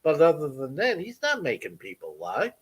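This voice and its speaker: A man with a Maine accent in casual chat, telling an animated story and laughing, his voice leaping up when amused. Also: a little high, normal speed, breathy edge.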